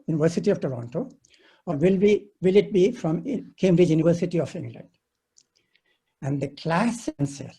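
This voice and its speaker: Brief: older man, dark husky voice, choppy call connection cutting in and out, earnest and slow. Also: on the high side. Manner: earnest, repeats points slowly. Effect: unstable online connection, voice breaking up. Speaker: session participant on a video call. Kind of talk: telling an anecdote as advice.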